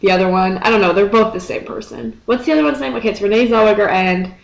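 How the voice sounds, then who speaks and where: A woman's voice: medium pitch, fast, vocal fry. A teenage girl rambling sarcastically in a casual vlog, swearing freely, into a webcam mic. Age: teens. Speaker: vlogger. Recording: echoey room.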